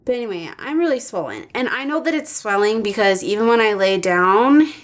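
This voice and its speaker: A woman's voice: medium pitch, lively intonation, brisk. A young adult woman vlogging to camera, talking casually and sounding frustrated and emotional, with lots of fillers. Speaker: vlogger documenting her recovery.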